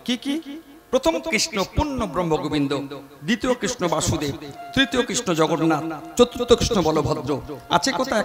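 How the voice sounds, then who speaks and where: A man who leads devotional chanting and then preaches, asking and answering his own questions with chuckles. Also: high-pitched. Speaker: kirtan singer and preacher. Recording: live chanting with loud music behind.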